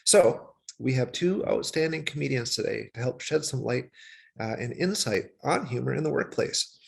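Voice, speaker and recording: Event host, male, very gravelly, hesitant read with lots of fillers. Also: medium pitch, expressive, normal speed. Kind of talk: read introduction.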